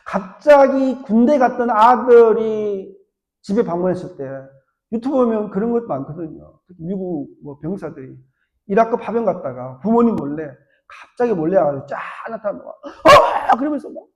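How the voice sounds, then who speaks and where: Male pastor, high lively voice, dramatic storytelling sermon, echoey sanctuary. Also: normal speed, muffled recording. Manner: storytelling, acts out voices with big pitch swings. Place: church sanctuary. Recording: echoey church room.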